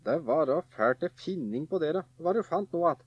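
A man's voice: fairly high pitch, expressive, husky, dry recording, muffled recording, voice pushed up. A man doing scoffing know-it-all older brothers. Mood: scornful. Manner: dismissive, scoffing. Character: two scornful older brothers, know-it-alls.

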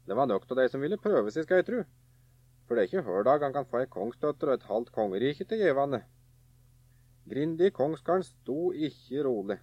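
A man narrating a folk tale in a lively, animated way. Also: mid-range voice, dry recording. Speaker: storyteller. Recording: dull, dry recording.

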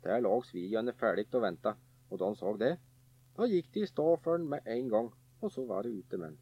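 A man narrating a folk tale in a lively, animated way. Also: lowish voice, slightly rough, no room sound. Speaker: storyteller. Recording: dull, dry recording.

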